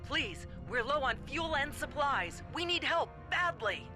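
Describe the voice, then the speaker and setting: Stranded civilian captain begging over a faint far-off radio hail, slow, very high and wobbly. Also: male voice, sing-song, music in the background, heavily acted. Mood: pleading. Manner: pleading, slow. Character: desperate male civilian ship captain. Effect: faint distant radio transmission. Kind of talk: video game voice acting.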